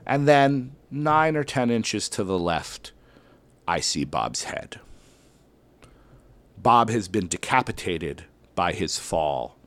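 Speaking to an audience, an elementary school teacher recounts something from his own life in a strikingly deep, low voice. The telling is lively, punctuated by abrupt loud outbursts and slow, dramatic dips.

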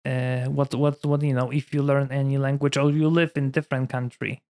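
Here a man in his thirties from Poland, who is a priest, talks casually in Polish-accented English at medium pitch and normal speed. The conversation is easygoing and packed with "you know."

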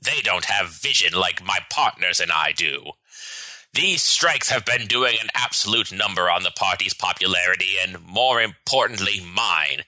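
A man playing a scheming, vain president in a satirical sketch, speaking with slow, pompous, theatrical villain menace. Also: on the low side, pushed and bright, no room sound, poor audio. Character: scheming, vain, power-hungry male American president as villain. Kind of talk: scripted satirical sketch acting.

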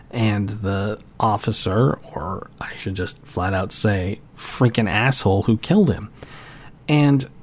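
A man's voice: on the low side, darkish tone, slightly rough. A middle-aged man talking in a casual monologue, candid and blunt, chuckling now and then.

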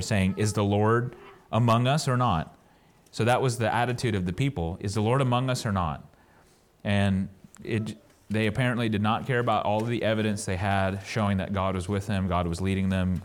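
A man teaching a Bible study sermon, reading verses aloud and explaining them in a halting way, often repeating words as he goes. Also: deep voice, darkish tone.

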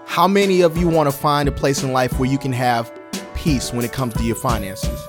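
A man's voice: mid-range voice, brisk, music in the background. A man hosting a solo podcast, talking casually and colloquially, straight to his listeners. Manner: colloquial, addresses listeners directly. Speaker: podcast host.

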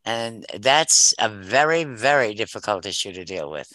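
An older woman chats casually as a discussion participant, her very deep voice carrying lively intonation at a normal speed. She sounds a bit bright, with no echo, and she hesitates, circling back and repeating phrases as she goes.

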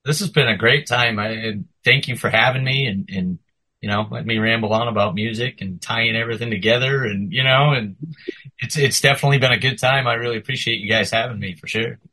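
Bright-voiced rambling guest musician, a man. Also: medium pitch, brisk, rough recording. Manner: rambling, animated storytelling. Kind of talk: casual podcast chat.

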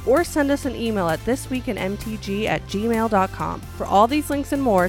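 A woman with a fairly high voice reads a scripted podcast outro, upbeat and promotional. Faint music plays under her. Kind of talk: scripted read.

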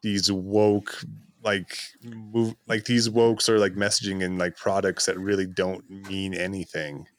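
A fairly low-voiced man co-hosts a casual podcast and drops dry, sarcastic asides. His voice sounds close, with no room echo. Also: little pitch movement, unhurried, fairly bright tone. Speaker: podcast co-host. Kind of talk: casual chat.

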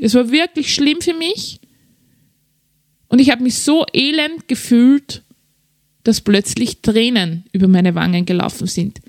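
A woman's voice: on the high side, dry recording, studio quality. Emotional woman telling a personal story. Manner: emotional, confessional, with dramatic slowdowns on key words. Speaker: podcast host and keynote speaker.

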